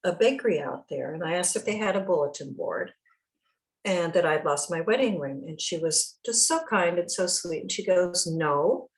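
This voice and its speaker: A woman's voice: fairly low pitch, lively intonation, moderate pace, poor audio. Chatty woman telling a rambling story. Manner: rambling, chatty, often laughing. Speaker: study group participant. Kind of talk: casual storytelling.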